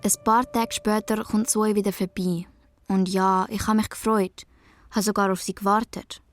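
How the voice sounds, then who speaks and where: A young actress with a Swiss accent playing a troubled schoolgirl, quietly narrating a radio play in the first person. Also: medium pitch, little pitch movement, moderate pace, close to an everyday voice. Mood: sad. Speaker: narrator and main character.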